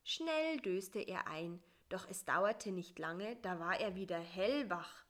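A woman narrating a children's Christmas story in a calm, even storybook reading. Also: fairly low pitch, slow.

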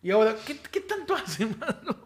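High, animated Peruvian guy joking. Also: normal speed. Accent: Peruvian Spanish. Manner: laughs often, trips over words, joking. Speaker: podcast co-host. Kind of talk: casual comedic chat.

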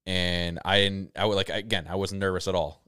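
A young man co-hosting a podcast, telling a story in casual chat, excitable, laughing often, with many restarts. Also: deep voice, normal speed, clear, resonant tone, no room sound, studio quality. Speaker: podcast co-host.

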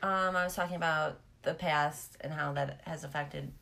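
A woman with vocal fry and a lisp, chatting casually and candidly, in a self-deprecating way. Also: low-pitched, fairly even intonation, normal speed, sharp tone. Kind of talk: casual chat.

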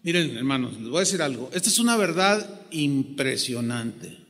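A man with a Mexican Spanish accent preaching a sermon as pastor, animated, acting out the voices he quotes. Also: a little high, moderate pace, long reverb tail.

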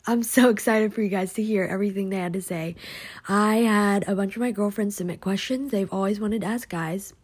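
A woman's voice: mid-range voice, fairly quick, husky. A young adult woman hosting a podcast, talking in an upbeat, chatty way with frequent fillers. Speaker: podcast host. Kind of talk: casual podcast chat.

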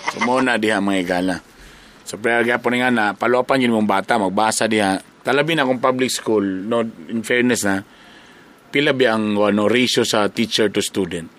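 A man hosting a casual chat, animated, laughing often and mixing in English phrases. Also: lowish voice, moderate pace.

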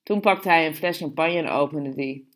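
Female audiobook narrator, measured delivery, lower pitch. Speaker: audiobook reader. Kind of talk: literary narration.

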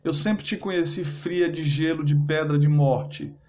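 A man's voice: on the high side, unhurried, a little mellow, lightly acted. A man voicing a middle-aged husband who has been betrayed, bitter and anguished, speaking intensely.

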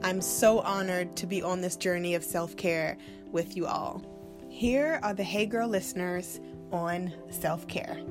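A woman hosting a podcast, welcoming listeners in an enthusiastic, warm way. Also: fairly low pitch, unhurried. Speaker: podcast host. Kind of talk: podcast host introduction. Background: music.

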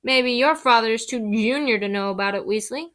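A woman's voice: a little high, fairly quick, a bit bright, natural voice. A woman reading aloud, voicing a sneering, spoiled teenage boy who taunts and mocks his classmates. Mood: gloating. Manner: taunting, mocking.

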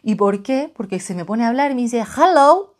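A woman from Chile with a Chilean accent, telling a personal travel story dramatically, jumping between loud outbursts and hushed asides. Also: fairly high pitch, brisk. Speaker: travel vlogger.

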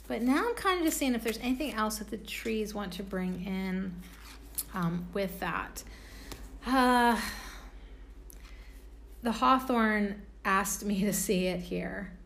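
A woman's voice: medium pitch, fairly bright tone, a little hiss or hum. A young woman casually rambling with lots of fillers while reading oracle cards in a vlog. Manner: rambling, loose, full of "like" fillers. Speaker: oracle card reader.

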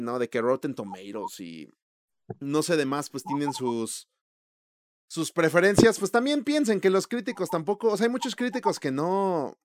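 A young man with a Mexican Spanish accent co-hosting a casual movie chat, slangy and animated, acting out quoted reactions. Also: a little high, no echo. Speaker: podcast co-host.

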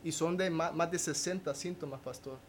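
A young man, a podcast guest telling a personal testimony in a halting way, with restarts and a questioning tag at the end of phrases. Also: on the high side, slight background noise.

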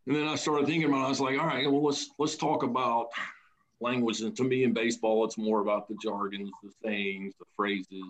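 A man, a high school baseball coach telling stories in a casual podcast chat. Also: a little fast, low-quality recording. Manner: storytelling, animated when quoting kids.

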